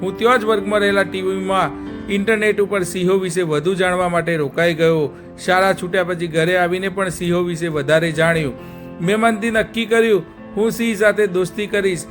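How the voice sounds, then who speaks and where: A man's voice: high voice, fairly even intonation, brisk, fairly bright tone, soft background music. A man voicing a curious young schoolboy in a children's story, earnestly explaining what he learned.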